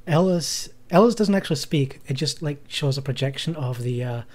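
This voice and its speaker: A man's voice: fairly high pitch, lively intonation, a little mellow. Easygoing male tabletop player. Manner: easygoing, quick to laugh, stumbles over words. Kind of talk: casual chat in a tabletop game.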